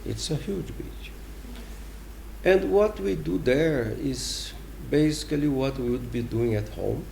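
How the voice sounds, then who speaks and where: A man with a Brazilian accent answering interview questions as a diplomat, explaining deliberately and emphatically with pauses. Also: a little high, gravelly, darkish tone, a little hiss or hum. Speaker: ambassador giving an interview.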